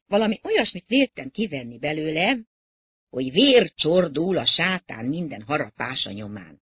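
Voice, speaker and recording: A husky-voiced narrator reads a comic first-person story with wry expressiveness. The pitch moves in a lively way through each sentence. The recording is close and dry, with no room sound. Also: dry recording. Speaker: audiobook narrator.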